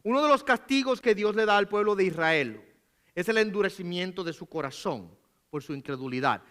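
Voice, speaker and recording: A pastor delivers a teaching sermon in a church. The man's voice sits high, bright and clear, and he keeps checking in with rhetorical questions while explaining. When he reads scripture aloud he leans on the words. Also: expressive, fairly quick. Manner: asks rhetorical questions, frequent "¿verdad?".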